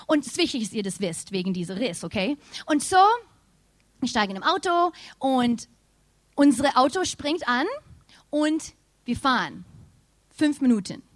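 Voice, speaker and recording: Animated woman preaching, German. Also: a little high, normal speed, long pauses, no room sound. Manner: animated storytelling, addresses congregation directly. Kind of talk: sermon with personal story.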